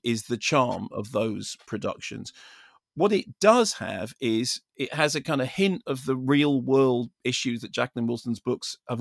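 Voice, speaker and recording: A man's voice: mid-range voice, gravelly, dry recording, clean studio sound. A British man giving a spoken film review as a critic, discursive and opinionated.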